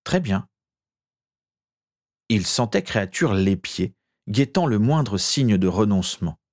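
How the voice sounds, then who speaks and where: A man reading a story aloud with measured, expressive narration. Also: on the low side.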